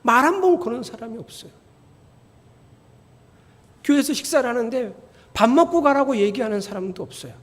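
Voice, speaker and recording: Man, middle-aged, pastor, sermon, high voice, animated storytelling, emphatic near-shouts, long church hall reverb. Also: moderate pace, long pauses. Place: church sanctuary.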